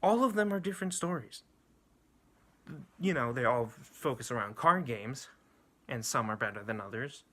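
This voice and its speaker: A man's voice: medium pitch, expressive, normal speed, pauses often, fairly bright tone. A young man rambling bluntly and profanely through an anime ranking, with many restarts and fillers. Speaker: anime reviewer. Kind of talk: casual ranking rant.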